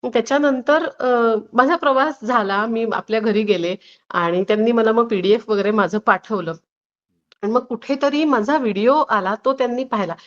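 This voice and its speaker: A woman's voice: fairly high pitch, normal speed, highs cut off. A woman guest telling personal stories in a reflective, anecdotal way, with frequent hesitations. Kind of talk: personal storytelling in conversation.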